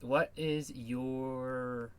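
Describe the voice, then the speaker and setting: A man's voice: medium pitch, steady tone, very slow, clean tone. A man hosting a casual podcast chat, laid-back and hesitant, with many fillers. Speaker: podcast host.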